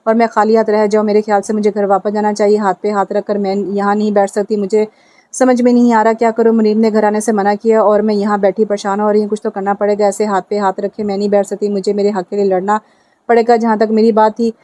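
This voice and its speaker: A woman's voice: medium pitch, fast, no room sound. A woman narrating a romantic novel and speaking every character's lines herself. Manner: reads all parts herself in an even tone. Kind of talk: dramatic audiobook narration with voiced dialogue.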